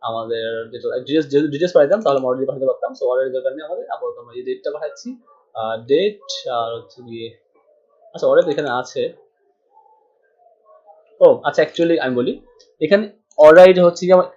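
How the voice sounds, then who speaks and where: A Bangladeshi man gives a screen-recorded coding tutorial, thinking aloud as he types and dropping in English terms. His fairly high voice has a lively, darkish tone, and he talks fast with frequent pauses. The recording sounds dull and lo-fi.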